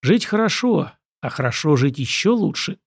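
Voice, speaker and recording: A man's voice: a little high, very animated, creaky, breathy edge, dry recording, studio quality, heavily acted. A man reading the part of a witty, easygoing young prince with a wry manner. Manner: wry, quick-witted.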